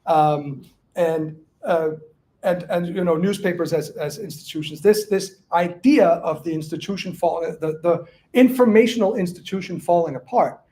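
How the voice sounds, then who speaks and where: A man from Denmark talks through audience questions about his book in a loose, halting academic way. His voice sits fairly high, and he keeps breaking off and restarting his sentences with fillers. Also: mellow. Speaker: author answering audience questions. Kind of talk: casual academic Q&A talk.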